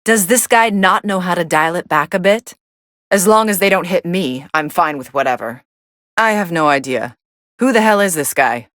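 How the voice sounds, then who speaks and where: An actress playing a cool, sardonic young female android, commentating on fights in a video game with a deadpan, dismissive delivery. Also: on the low side, normal speed, dry recording, clean studio sound. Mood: dry, unimpressed.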